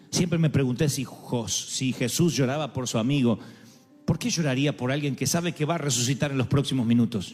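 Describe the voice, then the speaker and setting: A man's voice: mid-range voice, darkish tone. A man preaching a dramatic sermon, acting out quoted voices with humorous asides. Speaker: pastor. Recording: live hall with long reverb, faint music.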